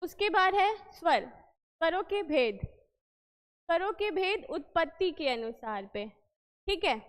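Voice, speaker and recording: A woman with a very high voice teaches an exam-prep Hindi lesson, explaining patiently, repeating points and asking the listener questions as she goes. Her voice rings with a long reverb, as if she were recorded in a large hall. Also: animated, unhurried.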